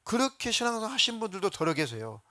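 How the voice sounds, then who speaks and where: A male pastor delivers a Sunday sermon in a church, telling stories and acting out the people he quotes. His voice sits a little high, with a bright, forceful edge. The recording is dry, with little room sound. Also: sing-song, fast talker, no room sound. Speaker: senior pastor. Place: church sanctuary.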